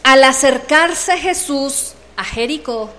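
A woman with a high voice gives a slow devotional talk, lingering over each phrase. She reads the scripture dramatically and acts out the voices in the story. Her voice rings through a large hall with a long echo. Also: pushed and bright. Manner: dramatic read-aloud, acting out the voices in the story. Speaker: speaker at a women's retreat. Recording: reverberant hall.

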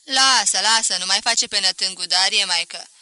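A woman's voice: mid-range voice, bright, forceful tone, clear, resonant tone, no echo. A woman doing a brash teasing widow. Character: brash plump widowed mother-in-law, middle-aged, teasing.

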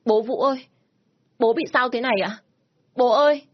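A woman's voice: on the high side, normal speed, lo-fi sound, pitched above the performer's own voice, close to an everyday voice. A woman voicing a frightened little boy who sobs and pleads with his sick father in an audio story. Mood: wailing. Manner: wailing, sobbing pleas.

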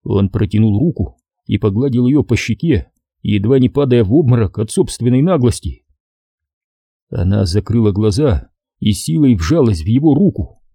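A man narrating a war novel as an audiobook in an expressive storytelling manner. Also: fairly low pitch, moderate pace, husky, no echo, clean studio sound.

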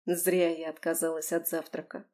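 A woman narrating a first-person novel in an expressive, lively way. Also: low-pitched, moderate pace. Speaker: audiobook narrator.

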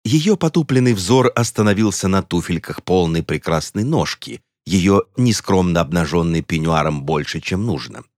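A man narrating a comic story in an expressive, mock-dramatic reading. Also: sits low, moderate pace, few pauses, dry recording, studio quality. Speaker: audiobook narrator.

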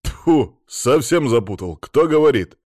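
A man's voice: medium pitch, expressive, measured pace, a little mellow, no room sound. A man reading a story aloud in a dry, wry manner, voicing a weary duty officer. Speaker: narrator. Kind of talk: audiobook reading.

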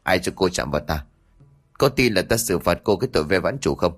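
A man's voice: deep voice, fast talker. A man voicing a stern, haughty young master who speaks curtly and coldly. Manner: curt, cold, clipped.

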